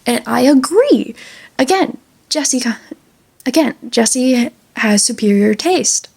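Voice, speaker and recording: A woman's voice: sits high, lively intonation, slow, creaky, a little mellow, breathy edge. A woman talking through a book in a casual review vlog, chatty and enthusiastic with lots of fillers.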